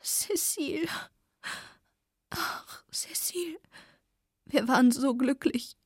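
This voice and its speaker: A woman's voice: a little high, moderate pace, breathy edge, no echo, studio quality. A woman reading the lines of a sentimental young woman who is sobbing. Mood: tearful.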